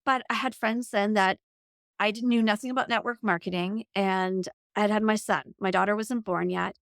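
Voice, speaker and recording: This podcast guest, a coach in her forties, shares her story in a conversational, reflective way, with plenty of "like" fillers. She speaks at a normal speed with medium pitch and fairly even intonation, and the clean studio audio has no echo.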